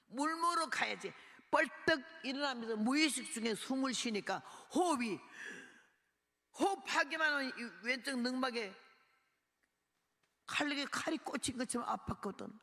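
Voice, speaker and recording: A woman's voice: high-pitched, normal speed, fairly bright tone. A woman missionary preacher giving a dramatic sermon testimony, acting out her own cries and prayers. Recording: reverberant hall sound.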